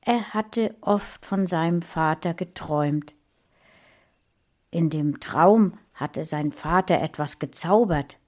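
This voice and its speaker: A woman reading a fantasy story aloud in a calm, even way. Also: low-pitched, takes it slowly. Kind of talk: audiobook narration.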